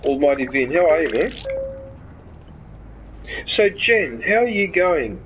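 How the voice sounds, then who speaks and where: With music in the background and poor audio, a streamer from Sydney, Australia talks slowly in a sing-song, medium-pitched voice. It's live gaming stream chat over a headset mic, full of rambling rants and free swearing followed by apologies.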